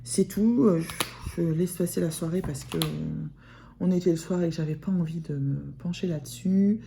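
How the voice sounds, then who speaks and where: A woman who vlogs about sewing speaks casually to camera in a Picard (Ch'ti) northern French accent, wandering through her thoughts with lots of fillers and restarts. Fairly low and mellow with vocal fry, her voice moves at a moderate pace against slight background noise.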